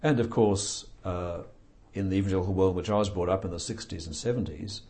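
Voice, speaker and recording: An older man speaks in a very deep, mellow voice, answering interview questions at a measured, reflective pace. He pauses often with fillers and slips in dry, understated humor. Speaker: author being interviewed.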